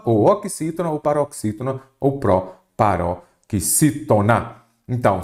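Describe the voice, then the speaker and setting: A man's voice: lowish voice, a little mellow. A man from Brazil teaching a Portuguese exam-prep grammar lesson, quizzing students with rhetorical questions.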